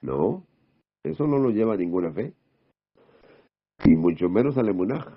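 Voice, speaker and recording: A man giving an informal sermon, firing off rhetorical questions and checking in with a quick "mm?". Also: fairly low pitch, big pitch swings, slightly rough. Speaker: preacher. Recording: dull lo-fi recording.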